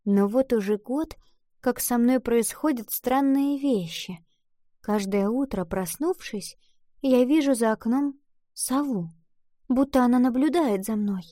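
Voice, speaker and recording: A woman voicing a shy, earnest young schoolgirl who speaks quietly and hesitantly. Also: on the high side, dry recording, studio quality, pitched above the performer's own voice, close to an everyday voice.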